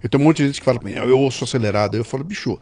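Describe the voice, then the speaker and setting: A man's voice: mid-range voice, very fast. A man with a Brazilian accent hosting a podcast interview, chatting casually and acting out little quoted asides. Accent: Brazilian Portuguese. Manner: animated, quotes people in little acted asides. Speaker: podcast host.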